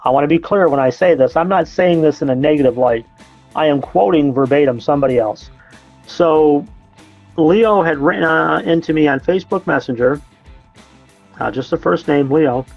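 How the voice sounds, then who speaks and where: A man's voice: a little high, moderate pace, creaky, faint music behind. Sarcastic male podcast host, dull recording. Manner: sarcastic, profane, mock-scolding commenters. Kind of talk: casual podcast chat.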